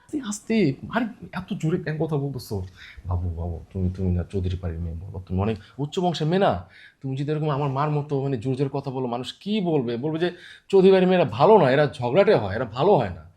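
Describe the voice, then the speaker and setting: An actor playing a young husband who stammers and coaxes his upset wife, talking very fast. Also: mid-range voice, sing-song, warm tone, lightly acted. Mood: coaxing. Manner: stammering, coaxing. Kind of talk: TV drama acting.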